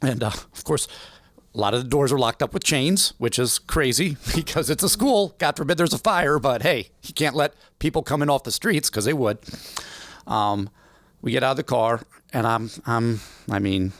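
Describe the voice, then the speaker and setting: A man in his forties telling a life story as a podcast guest, animated and acting out the voices of people he quotes. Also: medium pitch, moderate pace, dry recording. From United States. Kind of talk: storytelling interview.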